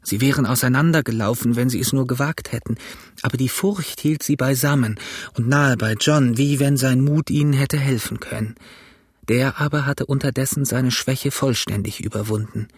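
Husky male audiobook narrator. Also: medium pitch, normal speed, no echo, studio quality. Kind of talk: audiobook reading.

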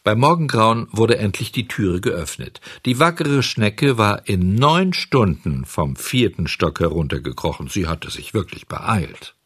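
A man narrating a children's story in an expressive, lively reading style. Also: fairly low pitch, unhurried, hardly any pauses, breathy edge, dry recording, studio quality. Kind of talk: audiobook storytelling.

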